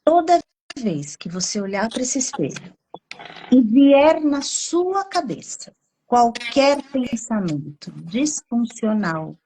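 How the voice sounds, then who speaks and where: A Brazilian woman psychologist explaining on a live stream, acting out inner thoughts with drawn-out, expressive emphasis. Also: on the high side, a little hiss or hum. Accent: Brazilian Portuguese.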